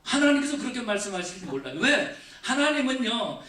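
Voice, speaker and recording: A male pastor preaching a Thanksgiving sermon. He questions the congregation again and again and moves between raised emphasis and quiet, low asides. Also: big pitch swings, fairly quick. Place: church sanctuary. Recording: echoey church from far off.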